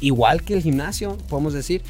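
A man, a podcast guest in casual chat, relaxed and repeating himself, sometimes slipping into English. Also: on the high side, fairly quick, soft background music.

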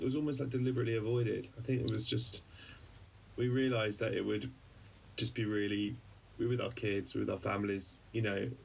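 Far from the mic with slight background noise, a man with a lowish, gravelly voice co-hosts a podcast. A journalist, he tells a personal story in casual conversation, rambling and hesitant with many restarts.

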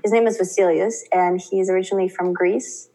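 A young woman from Russia, a student guest, chatting and acting out quotes in lively voices. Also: fairly quick, rough recording. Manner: chatty, acts out quotes with lively pitch jumps. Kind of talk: casual interview talk.

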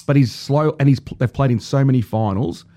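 Australian man, medium pitch, dark mellow tone, casual football commentary, sports panellist. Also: a little fast.

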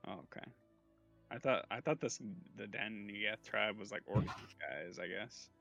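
A man's voice: fairly low pitch, a little slow, vocal fry, sharp tone, faint music behind. A man playing a tabletop game, who rambles, hesitates and swears casually. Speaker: player.

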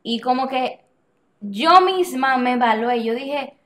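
As a podcast guest, an animated woman with a high-pitched voice slowly recounts a personal experience in a relaxed, casual way. She acts out the dialogue she quotes, often restarting sentences mid-thought and laughing frequently.

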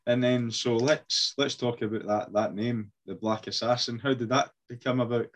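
A man's voice: mid-range voice, steady tone, normal speed. A man hosting an interview, asking casual questions and giving short encouraging replies. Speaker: interview host.

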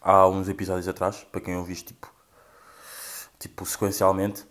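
A man's voice: low voice, completely flat delivery, moderate pace, fairly bright tone. A young man with a European Portuguese accent, hosting a casual commentary and ranting with profanity and mockery. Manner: profane, rambling, mocking. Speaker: host reacting to social media clips.

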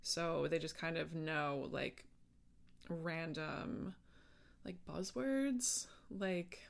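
A woman's voice: sits low, extremely slow, gravelly. A woman podcast host chatting casually on her own in a rambling way, often interrupting herself and leaning on filler words. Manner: rambling, self-interrupting, filler-heavy speech. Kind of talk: casual solo podcast chat.

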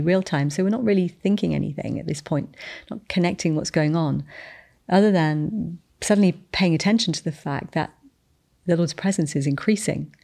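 A woman earnestly telling a testimony of a spiritual encounter, with restarts and slowed, emphatic phrases. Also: fairly low pitch, gravelly, mellow. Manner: descendant of the Boleyn family telling a spiritual encounter. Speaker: guest sharing a testimony. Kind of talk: storytelling testimony.

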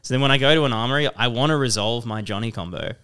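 A man's voice: mid-range voice, racing, bright, forceful tone, smooth. A man co-hosting a podcast, rambling in casual chat, self-mocking and laughing a lot. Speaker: podcast co-host.

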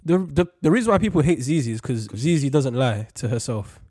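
A man's voice: mid-range voice, animated, brisk, dark tone, husky, no echo, studio quality. A young man with a London roadman accent, chatting casually as a host in an emphatic, slangy, sweary way. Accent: London, urban roadman slang. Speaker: podcast host. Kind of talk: casual banter and opinion chat.

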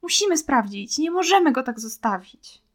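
A woman's voice: on the high side, unhurried, lightly acted. A woman reading a storybook and voicing a tender-hearted young girl who speaks tearfully and pleads.

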